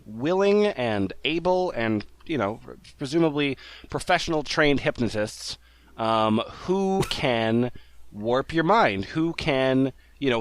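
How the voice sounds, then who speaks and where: A man hosting a comedy podcast with wry, halting banter and mock-earnest readings. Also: medium pitch, a bit bright, clear, resonant tone, no room sound. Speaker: podcast host.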